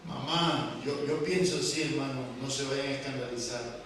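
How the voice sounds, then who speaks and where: A male preacher delivering a sermon, slow and emphatic, asking the congregation rhetorical questions. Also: mid-range voice, a bit bright. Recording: echoey hall, mic from far off, faint background noise.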